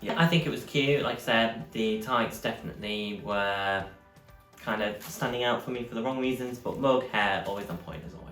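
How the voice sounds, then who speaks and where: A man's voice: on the low side, fairly quick, a bit bright. A man co-hosting a casual review chat, agreeable and full of fillers. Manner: agreeable, many fillers and backchannels. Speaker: podcast co-host. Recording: echoey room, distant mic, faint music.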